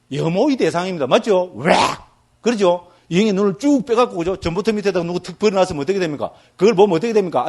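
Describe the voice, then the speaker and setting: A man with a somewhat high voice lectures on Buddhist teaching as a monk. He talks in a lively, vivid way and keeps asking his audience to agree after almost every phrase. His examples are graphic and full of sound words. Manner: lively, tags nearly every phrase with a check-in question to the listeners.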